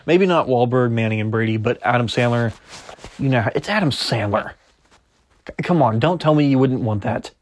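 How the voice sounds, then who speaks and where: A man's voice: medium pitch, animated, moderate pace. A young man hosting a solo sports podcast, rambling and correcting himself as he reads news and riffs. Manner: rambling, self-correcting, chatty. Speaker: podcast host.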